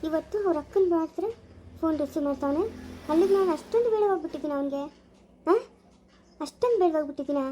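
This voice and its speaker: A woman's voice: high-pitched, fast, pauses often, dark tone, a little hiss or hum, close to an everyday voice. A heartbroken young village wife, played by a woman, speaking. She sounds tearful and bitter and repeats her refusals hard. The scene comes from a homemade village family drama.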